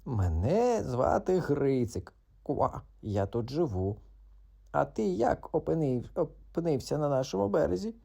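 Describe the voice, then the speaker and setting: A man voicing a cheeky, talkative little male frog who croaks between his words in a children's audiobook. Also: fairly high pitch, big pitch swings, a little slow, warm tone, pitched above the performer's own voice, full character voice. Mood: chatty, eager.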